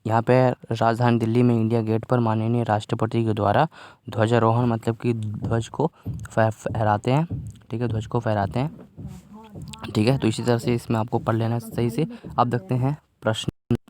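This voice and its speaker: A man's voice: mid-range voice, little pitch movement, normal speed, a little mellow. A man teaching a worksheet lesson to young children in a casual, patient way, often repeating himself and asking if they follow. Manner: patient, repeats phrases and keeps asking "theek hai?".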